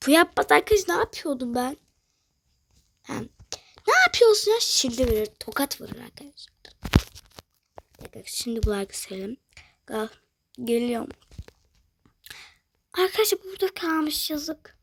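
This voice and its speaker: A young woman narrating and voicing characters in a toy-style game role-play, swinging between loud excited lines and hushed whispers. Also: high voice, normal speed, long pauses, husky. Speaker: toca life roleplay creator.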